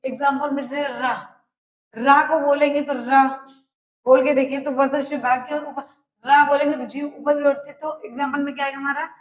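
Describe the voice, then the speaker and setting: High-voiced woman teacher dictating slowly. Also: level tone. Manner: slow, repeats each phrase for dictation, asks and answers her own questions. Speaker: Hindi teacher. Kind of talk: classroom lesson, dictating notes. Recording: echoey room.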